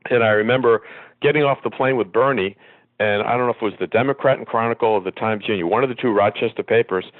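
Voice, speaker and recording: A man being interviewed as a guest, telling long rambling anecdotes with many pauses and ums. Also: medium pitch, dry recording. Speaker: guest, former soccer executive. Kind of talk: reminiscing interview storytelling. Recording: tinny phone line.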